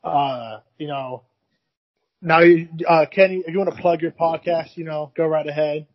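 A man's voice: fairly high pitch, steady tone, moderate pace, highs cut off. A man hosting a podcast in casual chat, rambling a little with many restarts. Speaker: podcast host.

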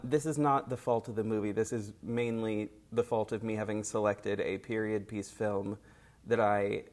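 A man hosting a podcast in casual chat, recorded at his workplace instead of his studio, so the audio is lower quality and a little echoey. He rambles with lots of fillers and restarts. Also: darkish tone. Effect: lower-quality, slightly echoey recording. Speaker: podcast host.

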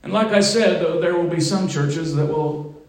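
A man's voice: a little high, moderate pace, reverberant, recorded from a distance, low-quality recording. A man preaching a sermon in a church, building to emphatic, fervent declarations. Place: church sanctuary.

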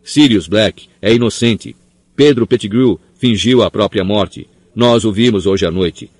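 A man's voice: on the low side, measured pace, darkish tone, dry recording. A man reading an audiobook, voicing an agitated, desperate boy wizard who pleads in a raised voice. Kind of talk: audiobook character voice.

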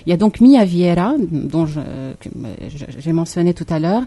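Warm-voiced woman radio host. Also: on the low side, animated, moderate pace. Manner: explanatory, often repeats "oui, oui, oui" and adds "hein". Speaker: radio co-host presenting a segment. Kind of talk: casual radio chat.

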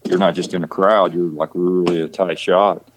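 Speaking at normal speed in a low, level voice, this actor guest from Georgia, USA, has a Southern country accent. His casual podcast talk rambles, with repeated words, restarts, and frequent "you know"s.

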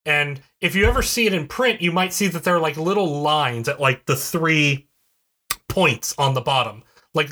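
A man's voice: fairly high pitch, pushed and bright. A man co-hosting a podcast in casual chat, explaining things in a digressive way with many restarts. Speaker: podcast co-host.

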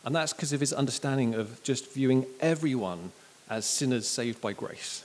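A man preaching a sermon in a casual, chatty way, with jokes and animated asides. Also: mid-range voice, normal speed, long reverb tail.

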